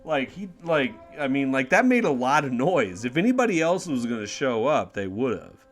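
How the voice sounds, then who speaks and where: A man's voice: medium pitch, big pitch swings, moderate pace, faint music behind. A man narrating as game master of a tabletop game, talking in a loose, rambling way. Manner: rambling, full of fillers and restarts.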